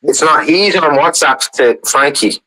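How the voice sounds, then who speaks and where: A man's voice: fairly high pitch, lively intonation, unhurried, pushed and bright, poor audio. An Irish-accented man in casual, bantering group chat full of informal slang.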